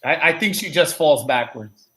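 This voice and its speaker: A man who is a guest comedian in a casual chat, animated and acting out quotes. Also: fairly high pitch, normal speed.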